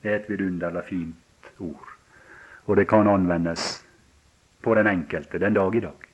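Low-voiced preacher. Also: male voice, steady tone, slightly rough, dull audio. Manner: halting, repeats words, then rises with emphasis. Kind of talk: sermon.

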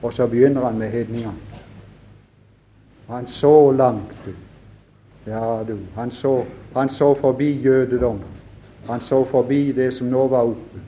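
A man's voice: mid-range voice, fairly even intonation, long pauses, highs cut off. A man preaching a sermon with fervor, firing rhetorical questions at his listeners and addressing them directly again and again.

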